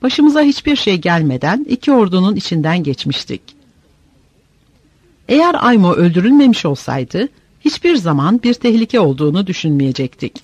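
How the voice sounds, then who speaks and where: A man narrating an audiobook in a steady, measured way. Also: high voice, slightly rough, dry recording. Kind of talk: scripted narration.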